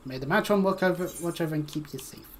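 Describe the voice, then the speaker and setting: A woman's voice: fairly low pitch, fast talker, slight background noise, close to an everyday voice. A woman reading a pious old-fashioned village elder. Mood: solemn. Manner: old-fashioned, solemn phrasing.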